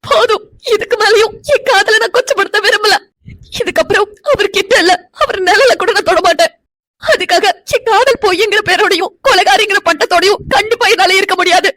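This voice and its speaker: A woman's voice: very high voice, fairly quick, fairly bright tone, no echo. A woman voicing an anxious, heartbroken young wife in a cartoon drama, fretting aloud to herself. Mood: sobbing.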